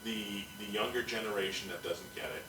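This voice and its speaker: Blunt, profane man ranting, low voice. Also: fairly quick, pushed and bright, roomy sound, recorded from a distance, a little hiss or hum, rough recording. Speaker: podcast host. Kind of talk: casual chat.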